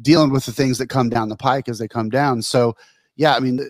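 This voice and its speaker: A man's voice: mid-range voice, fairly even intonation, fairly quick, no echo, clean studio sound. A middle-aged man co-hosting a podcast in casual chat, rambling and laughing through his stories. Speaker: podcast co-host.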